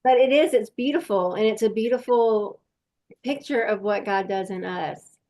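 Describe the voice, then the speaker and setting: A woman's voice: mid-range voice, normal speed, dark tone. A woman hosting a faith podcast, speaking in a thoughtful, searching way. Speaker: podcast host. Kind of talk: faith-based conversation.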